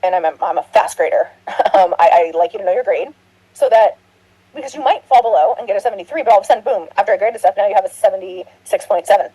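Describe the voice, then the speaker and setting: Chatty woman nursing instructor, mellow voice. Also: medium pitch, fast, husky, low-quality recording. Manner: chatty, rambling, frequent laughs and restarts. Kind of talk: recorded orientation lecture. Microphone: computer mic, screen recording.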